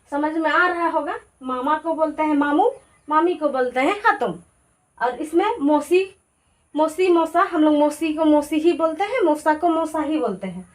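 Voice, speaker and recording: A woman teaching a language lesson in a casual, chatty way, repeating each word pair slowly to drill it. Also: sits high.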